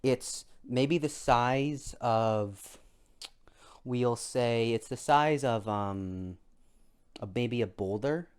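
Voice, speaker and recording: A young man narrating a tabletop game as game master, halting and restarting often. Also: mid-range voice, clear, resonant tone. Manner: halting, many restarts and fillers.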